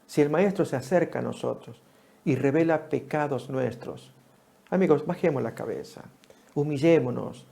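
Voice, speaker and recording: Delivering an animated Bible study sermon at a moderate pace, a male preacher speaks in a gravelly, dark voice. He addresses his listeners as friends, and his pitch leaps sharply upward whenever he quotes someone.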